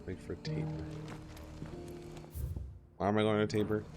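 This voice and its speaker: Streamer, male, low gravelly voice, rambling and profane, at a home setup with the mic just under his mouth. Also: little pitch movement, moderate pace, music in the background. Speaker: game streamer. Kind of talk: casual live-stream chat. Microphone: mic just below the mouth.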